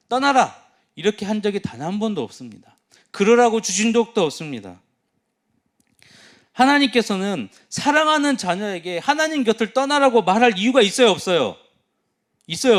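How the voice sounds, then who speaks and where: A youth pastor preaching a sermon, earnest and emphatic, firing rhetorical questions at the congregation. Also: male voice, very high voice.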